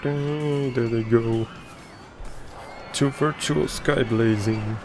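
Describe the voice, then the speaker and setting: A man narrates his building game at an unhurried, drawn-out pace. His voice has a gravelly, creaky edge, and he often mutters half to himself. Game music plays clearly beneath him. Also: mid-range voice, fairly even intonation. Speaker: let's play gamer. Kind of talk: casual gameplay commentary.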